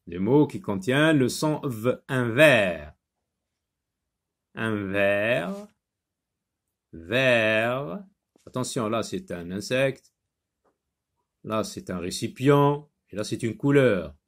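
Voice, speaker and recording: Guy teaching phonics super slowly, patient, spells every word out letter by letter. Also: medium pitch. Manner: slow, deliberate word repetition. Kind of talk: phonics lesson.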